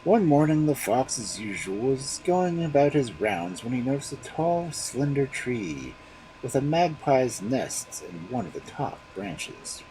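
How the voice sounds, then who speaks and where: A male storyteller reads fairy tales aloud on a livestream. His telling is dramatic and expressive, and his pitch rises and falls widely. A faint hiss sits behind him. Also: a little slow, rough recording. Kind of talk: fairy-tale reading on a livestream.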